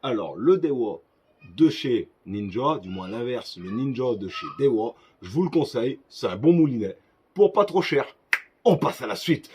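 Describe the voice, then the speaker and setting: A man's voice: medium pitch, animated, normal speed, warm tone, slight background noise. A young man talking casually in a gear-advice vlog, chatty and joking with crude asides. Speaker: fishing vlogger.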